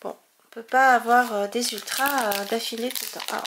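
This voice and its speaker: A woman's voice: a little high, steady tone, normal speed, noisy background. A woman chatting casually as she opens trading cards, exclaiming over each one and stumbling over hard names. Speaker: card-opening video host. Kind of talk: casual card-unboxing commentary.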